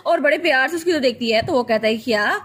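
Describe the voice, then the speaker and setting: A woman narrating a comic recap of a fantasy comic in a chatty, animated way. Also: high-pitched, fast talker. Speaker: storyteller.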